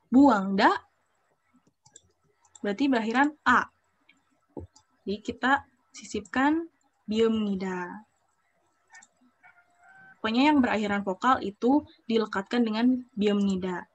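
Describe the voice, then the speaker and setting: A young woman teaching a language class over a video call. She explains step by step, checks often whether students follow, and reads out example phrases. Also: medium pitch. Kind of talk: online class lesson.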